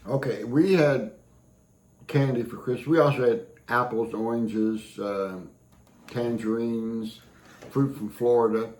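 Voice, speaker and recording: An older man tells his childhood memories in a dry, laid-back way. His voice has a mid pitch and carries the ring of an echoey room. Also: fairly even intonation, slow, darkish tone. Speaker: host's husband, guest. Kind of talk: casual home vlog chat.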